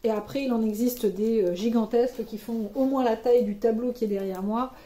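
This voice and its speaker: A woman's voice: a little high, brisk, mellow. A woman, a mother giving casual advice in a vlog, chatty and hesitant with many fillers. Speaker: parent vlogger sharing kids' activity ideas.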